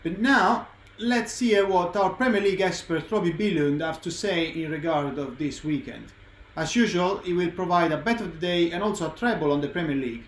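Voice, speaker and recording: A man's voice: high-pitched, a little fast. A man presenting as a betting tipster, reeling off form and picks as the host of a tips show. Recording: echoey room, faint background noise.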